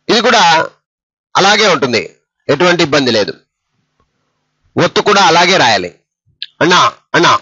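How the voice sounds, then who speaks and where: A man's voice: sits high, pushed and bright, husky, no room sound, dull audio. A man teaching a step-by-step lesson on writing letters, patient and repeating each letter. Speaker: Telugu script teacher.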